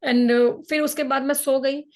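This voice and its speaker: A woman's voice: sits high, steady tone, unhurried. A woman mountaineer from India, recounting her climb in an interview. She talks earnestly, mixes English words into her speech, and has a sore throat. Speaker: mountaineer guest. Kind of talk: interview, personal storytelling.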